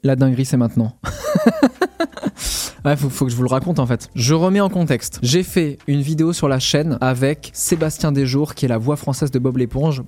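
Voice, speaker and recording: A young man, a video creator, telling stories in a casual interview, animated and slangy, often breaking into laughter. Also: medium pitch. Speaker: YouTuber being interviewed.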